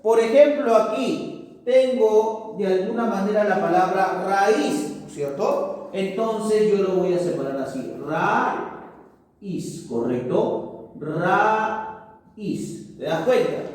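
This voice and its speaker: A male teacher giving a grammar lesson, explaining slowly and posing questions to himself that he then answers. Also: high voice, darkish tone. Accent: Peruvian Spanish. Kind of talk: recorded classroom lesson. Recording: echoey room, mic far off.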